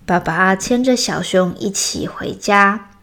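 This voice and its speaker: Slow gentle woman storyteller for children. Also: medium pitch. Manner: slow, gentle, clear reading. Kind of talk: children's bedtime story narration.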